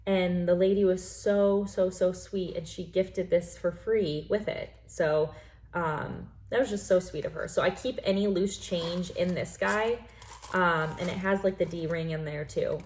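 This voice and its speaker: A young American lifestyle vlogger with a fairly low-pitched voice chats casually as she goes through her bag. She rambles with plenty of fillers and sounds congested from allergies.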